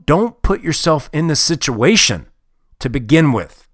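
A man's voice: fairly high pitch, big pitch swings, a little slow, no echo, studio quality. A man giving a motivational talk, blunt and heavily profane, hammering home his points with emphasis. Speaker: motivational speaker.

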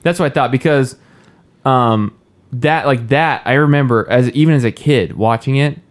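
A man in casual conversation, talking haltingly and saying "like" often. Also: medium pitch. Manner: halting, full of "like". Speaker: podcast co-host. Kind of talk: casual movie discussion.

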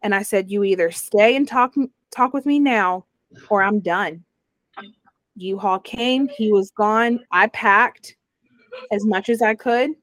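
A woman's voice: mid-range voice, slow pace, no echo. Young woman telling her story. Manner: animated, acts out quoted voices. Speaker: guest sharing her story. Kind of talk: casual storytelling interview.

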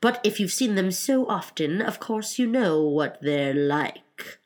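Storybook Mock Turtle played by a woman: male creature, weary, plaintive, touchy, dragging words with big pitch swings. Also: expressive, takes it slowly. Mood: slow, weary. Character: mournful, easily offended male Mock Turtle, slow and weary. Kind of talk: storybook character reading.

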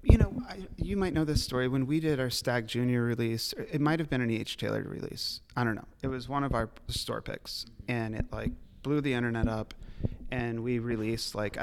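A slight hiss or hum sits under this man's mid-range voice, which has vocal fry, lively intonation and a slightly fast pace. He's a liquor retailer guesting on a podcast, rambling through stories while laughing and cursing often.

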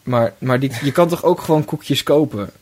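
Rambling deadpan guy. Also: mid-range voice, moderate pace. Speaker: podcast co-host. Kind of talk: casual comedic banter. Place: home kitchen, cooking while talking.

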